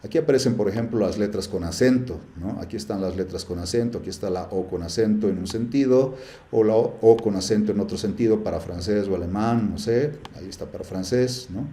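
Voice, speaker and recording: A man's voice: fairly low pitch, brisk, mellow, echoey room. A man teaching a live class, chatty, with many fillers and often checking in with the students. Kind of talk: live class screen-share tutorial.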